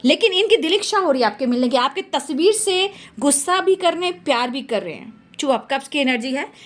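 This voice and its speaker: A woman's voice: sits high, lively intonation, brisk. A woman doing a tarot reading for her viewers, talking emphatically and repeating phrases for stress. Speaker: tarot reader.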